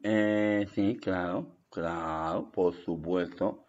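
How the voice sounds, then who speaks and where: A man playing a boastful, rambling old male vampire in an improvised comedy sketch, giggling and slipping into squeaky shouts. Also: steady tone, drawn-out words, highs cut off. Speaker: comic guest in character.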